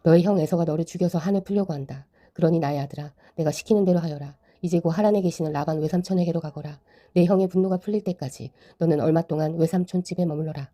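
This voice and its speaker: A woman reads a protective mother giving urgent orders to her son. The voice is low and very mellow. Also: quick pace, natural voice.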